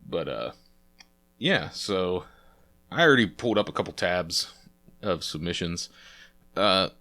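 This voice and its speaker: A young man with a cold, his nose stuffy and sniffly, hosts a let's play, casually commenting as he plays through games. His voice is low, sing-song, a little slow, bright and forceful, and he rambles chattily with lots of "uh" fillers.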